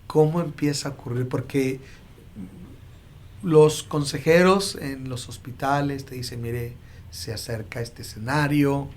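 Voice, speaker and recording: A man, a pastor hosting a podcast who asks thoughtful, gentle questions. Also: mid-range voice, a little slow. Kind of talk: interview.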